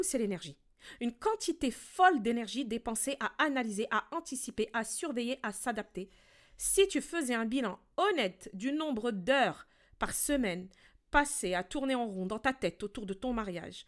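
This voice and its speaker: A woman coaching her listener through a podcast monologue, her voice sitting a little high and moving animatedly up and down. She sounds calm and direct, and addresses the listener one-on-one. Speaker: podcast host and relationship coach.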